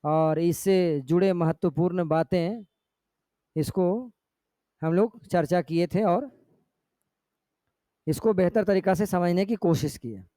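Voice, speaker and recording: A male teacher with a Jharkhand Hindi accent lectures his class step by step, frequently checking in with the students. His high-pitched voice is warm and measured, with long pauses, in clean studio sound with no room echo.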